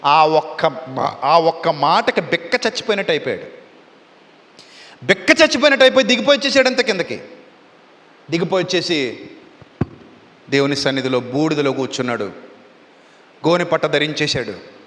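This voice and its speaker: A man preaches with fervor, stacking repeated phrases for emphasis. His voice sits high and carries a long, ringing hall reverb. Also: animated, moderate pace, long pauses, a bit bright. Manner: fervent, emphatic repetition. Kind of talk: sermon.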